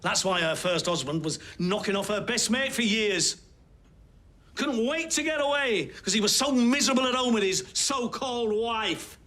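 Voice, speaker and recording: An actor playing a controlling, bitter older Northern English husband on trial in a TV soap, his calm turning to angry scorn. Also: high voice, normal speed. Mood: angry contempt. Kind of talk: TV soap courtroom acting.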